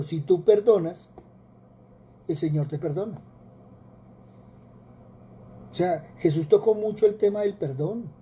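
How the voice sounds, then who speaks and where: A male preacher with a Colombian accent delivers an earnest sermon. His voice is deep and mellow, and he often repeats words and asks rhetorical questions. A faint hiss of noise sits under the recording. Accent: Colombian Spanish.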